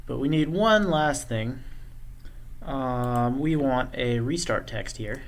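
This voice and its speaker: A man presenting a coding tutorial, thinking aloud in a relaxed way as he walks through code on screen. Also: medium pitch, takes it slowly. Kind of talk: screen-share coding walkthrough.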